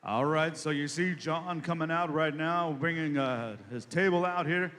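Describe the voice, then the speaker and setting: A man's voice: on the high side, unhurried, fairly bright tone. A man working as a powwow emcee, making live announcements over an arena PA in a folksy, ceremonious way. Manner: folksy, ceremonious, addressing families and crowd directly. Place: large reverberant arena, over a PA. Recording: reverberant hall public address sound.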